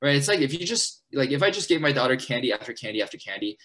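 A young man gives a church seminar talk to college students, pressing ahead in a hurried, earnest rush. His voice sits at an everyday middle pitch. He often stops to restart his sentences and fills the gaps with "um" and "uh". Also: sing-song, bright, forceful tone. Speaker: college ministry leader at a church.

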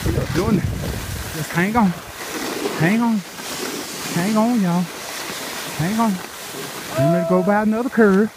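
On the slope, a middle-aged skier with a high voice talks viewers through his own run in short, repeated bursts as he exerts himself. Recorded on a handheld phone or camera, it carries loud wind and a rushing ambience.

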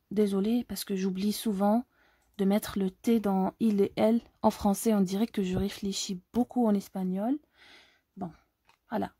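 A woman's voice: medium pitch, mellow, husky, no echo, clean studio sound. A woman from Algeria teaching an online language lesson, explaining step by step and often checking that viewers follow.

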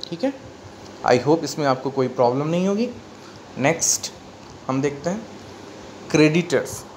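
Indian guy teaching accounting, asks questions then answers them himself, slight background noise. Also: on the high side. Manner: explains step by step, asking and answering his own questions. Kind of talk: classroom lecture mixing Hindi and English.

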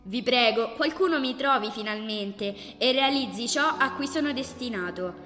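A woman's voice: fairly high pitch, animated, moderate pace. Storybook role: a forgotten old notebook, male, whiny and pleading, read by a woman, with a hall echo over music. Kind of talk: audiobook reading. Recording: reverberant audiobook over loud music.

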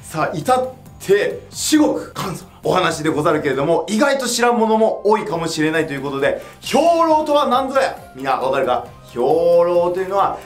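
Theatrical samurai-style man, swooping pitch. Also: sing-song, moderate pace. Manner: theatrical, booming emphasis, old-fashioned warrior diction. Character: brash, hearty samurai warlord. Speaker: history explainer in the persona of a samurai warlord. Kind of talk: animated scripted explainer to camera in old samurai speech. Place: indoor studio with backdrop. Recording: roomy indoor echo, music bed.

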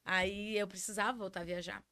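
A woman truck driver from Brazil, a podcast guest chatting casually and acting out her stories with lively exclamations. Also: medium pitch, fairly quick. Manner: animated storyteller, acts out voices and exclamations. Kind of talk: casual chat.

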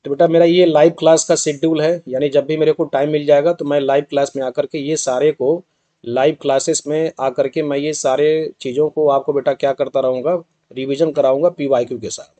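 Man, exam revision lesson, warm dark tone, rhetorical questions. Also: fairly high pitch, flat delivery, fairly quick. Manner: addresses students fondly as "beta", repeats rhetorical questions. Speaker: chemistry teacher.

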